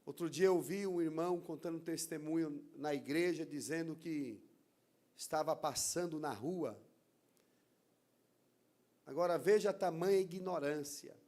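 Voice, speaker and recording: A man with a Brazilian Portuguese accent, preaching a sermon as pastor in a church, deliberate and emphatic. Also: fairly high pitch, darkish tone.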